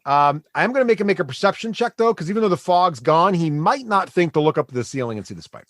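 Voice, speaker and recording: Male game master, lively intonation, fairly high voice, dry close sound, halting casual narration. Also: dry recording. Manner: halting, thinking aloud while narrating.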